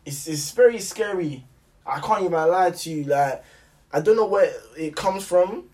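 A young man with a London roadman accent and a fairly high voice, heard a little away from the mic. He thinks aloud in slangy casual conversation, circling back over his phrases. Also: expressive, moderate pace, a little mellow, recorded from a distance. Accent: London, urban roadman slang. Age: young adult. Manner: slangy, musing, repeats phrases. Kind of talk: casual chat.

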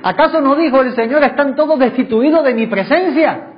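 Preaching at a church service, a man with an extremely high voice speaks fairly quickly with lively intonation, pressing the congregation with fervent rhetorical questions. Faint music sits behind the dull lo-fi sound.

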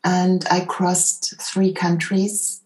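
A woman who speaks English as a second language, telling a personal story reflectively in conversation as an interview guest, with hesitant pauses between short phrases. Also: lowish voice, completely flat delivery, a little mellow, poor audio. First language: not English.

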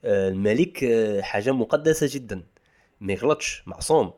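A man with a fairly low voice on a casual discussion podcast. He argues insistently and drops French and English words into his talk. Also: expressive, brisk, darkish tone. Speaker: podcast co-host.

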